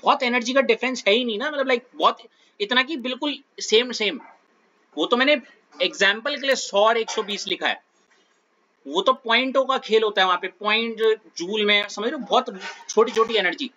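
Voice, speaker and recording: A man's voice: extremely high pitch, normal speed, bright, forceful tone, highs cut off, a little hiss or hum. A male chemistry teacher giving a classroom lecture in a coaxing way, often checking that the student follows.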